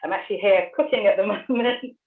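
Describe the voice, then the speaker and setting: A woman's voice: mid-range voice, a little fast. A woman from who talks in a chatty, friendly way while cooking in her kitchen. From London, England. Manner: chatty and friendly, laughing often. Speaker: teacher and workshop participant. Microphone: video call device away from her. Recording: echoey, distant, phone-like video call.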